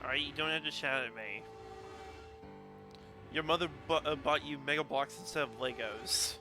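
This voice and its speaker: A man's voice: fairly high pitch, moderate pace, music in the background. A young man co-hosting a game stream, joking around and stumbling over his words with many fillers. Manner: stammering, lots of fillers, jokey. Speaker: streamer co-host. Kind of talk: casual let's-play chat.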